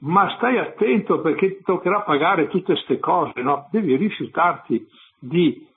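Man, parish priest, husky voice, exhorting and scolding, narrow tinny radio sound. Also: a little high, animated, unhurried. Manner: exhorting, scolding, addresses listeners directly. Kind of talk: preaching talk on religious radio.

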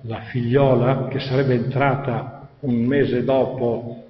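An older man from Alto Adige giving an animated religious testimony to an audience, conversational and lively in his storytelling. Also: medium pitch, slow pace. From Alto Adige, Italy. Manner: animated, conversational, acts out quoted voices. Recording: echoey hall, dull sound.

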